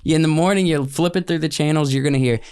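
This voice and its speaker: A man's voice: on the high side, fast, a little mellow, clear, resonant tone. A man co-hosting a casual podcast, playful and jokey. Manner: playful, jokey, slips into mock radio voices. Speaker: podcast co-host.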